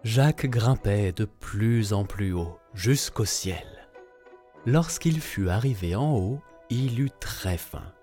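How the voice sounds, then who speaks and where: A man reads a fairy tale aloud in a low, mellow voice. His pace is unhurried and his pitch moves in lively sweeps. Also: soft background music. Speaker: narrator. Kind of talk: storybook reading aloud.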